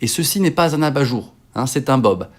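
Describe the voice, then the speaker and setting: A video creator in his twenties from northern France narrates his own life in a jokey, self-deprecating voice-over. His mid-range voice is animated and a touch fast, with music playing behind him.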